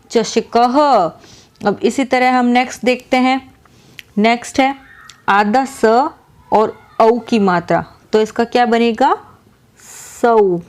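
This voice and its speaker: A woman teacher explaining a lesson slowly, asking questions and repeating each answer. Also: on the high side, darkish tone, smooth. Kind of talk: slow classroom explanation.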